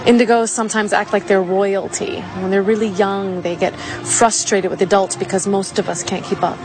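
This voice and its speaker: A woman's voice: mid-range voice, fairly even intonation, normal speed, music in the background, lightly acted. A woman acting as a middle-aged mother of a psychic boy, earnest and explanatory, in a naturalistic film drama. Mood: earnest, confiding.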